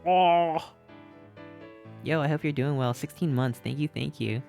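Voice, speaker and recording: A streamer gushing over fan art in casual live-stream chat, excitable and repeating itself, a little out of breath. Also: medium pitch, unhurried, gravelly. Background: faint background music.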